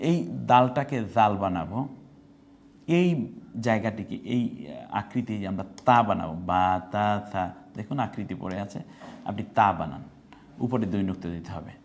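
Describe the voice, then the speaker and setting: Man patiently spelling out letters. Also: lowish voice. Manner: chanted recitation, slow and drawn out. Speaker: Quran reading teacher. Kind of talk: step-by-step lesson on Arabic letters.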